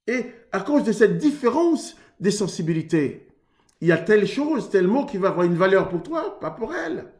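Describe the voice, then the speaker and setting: A very animated Haitian man with a high-pitched, darkish voice gives an earnest marriage sermon at normal speed, and the sound is reverberant. In a conversational style, he acts out what each member of a couple says to the other.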